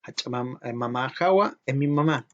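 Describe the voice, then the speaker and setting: A man teaching an online language lesson for children, speaking slowly and patiently and repeating each new word twice. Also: medium pitch. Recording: dull lo-fi audio.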